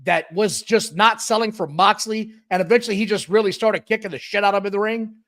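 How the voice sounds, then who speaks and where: A man co-hosting a podcast, talking in an animated, opinionated way in casual chat. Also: high-pitched, fast talker. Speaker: podcast co-host.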